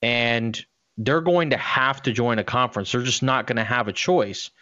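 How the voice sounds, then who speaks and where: A man's voice: medium pitch, moderate pace, bright, forceful tone, no room sound, dull audio. A man in his thirties co-hosting a sports podcast, giving blunt, opinionated takes in casual talk. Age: 30s. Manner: opinionated, blunt, restarts a lot. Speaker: podcast co-host.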